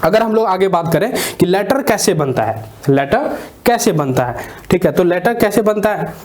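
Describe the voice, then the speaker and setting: A man's voice: high voice, lively intonation, normal speed, a little mellow. A man teaching an English class. He asks the class questions, answers them himself, and repeats key points often. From India. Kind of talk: classroom lecture. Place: classroom, standing.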